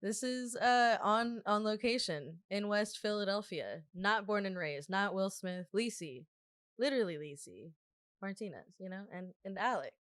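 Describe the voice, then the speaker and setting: A woman's voice: medium pitch, lively intonation, moderate pace, fairly bright tone. An American woman hosting a casual chat in a playful, joking manner. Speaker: host. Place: apartment.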